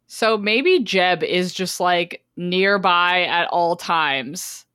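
A chatty woman hosts a laid-back podcast about a book, her voice sits on the low side and sounds close and dry, with no room around it. she keeps slipping into giggles while she talks it through. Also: very slow, a bit bright, clean tone, no echo. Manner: chatty, laughs often mid-sentence. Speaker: podcast host. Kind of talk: casual book-club chat.

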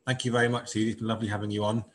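A man hosts a podcast in a relaxed, halting way, repeating himself as he closes out the episode. His voice sits low, with faint background noise behind it. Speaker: podcast host. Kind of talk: casual chat.

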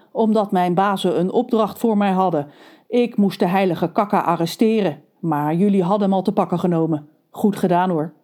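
A woman voicing a calm, polite male butler who is really a secret agent, explaining things matter-of-factly. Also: medium pitch, natural voice.

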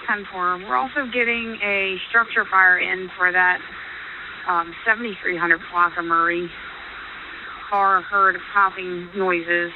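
A woman police dispatcher heard over a police radio, brisk and businesslike, calling out codes and times. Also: fairly low pitch. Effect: police radio transmission. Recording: tinny radio with static.

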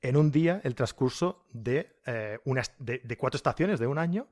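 Male podcast host, mid-pitched, easygoing interviewer with a joking streak. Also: expressive, moderate pace, darkish tone. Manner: friendly, joking. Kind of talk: casual interview.

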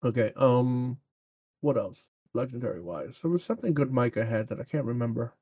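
A man's voice: mid-range voice, a little fast, warm tone, breathy edge. A man in a casual gaming chat, rambling with lots of fillers and restarts.

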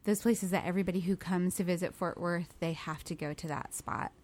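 A woman's voice: lowish voice, steady tone, a little fast, a little mellow. A woman in her thirties hosting a casual podcast, upbeat and chatty. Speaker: podcast host. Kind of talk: casual chat.

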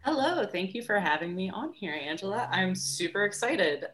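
A woman's voice: medium pitch, sing-song, moderate pace, a bit bright. A woman guest on a podcast, talking enthusiastically about her past work. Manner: enthusiastic, gushing. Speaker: podcast guest, former network executive. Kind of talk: casual podcast chat.

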